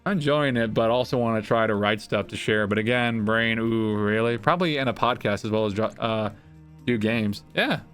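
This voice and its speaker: A man who works as a streamer and voice actor, chatting excitably to viewers on a livestream and often repeating his phrases. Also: lowish voice, moderate pace, soft background music.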